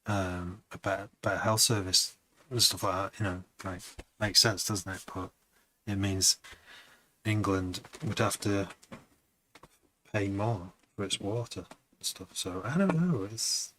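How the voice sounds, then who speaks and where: A man's voice: deep voice, unhurried, pauses often, bright, forceful tone, slight background noise, poor audio. A man who produces music, chatting casually on a live stream, rambling and hesitant with many restarts.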